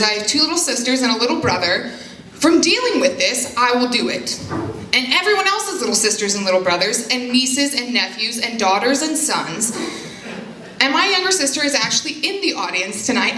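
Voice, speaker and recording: Young woman talking candid on stage, high-ish sharp voice, roomy echo. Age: young adult. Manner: candid, self-deprecating humor. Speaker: foundation spokesperson. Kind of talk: personal speech to an audience. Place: stage before a live audience. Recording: echoey room.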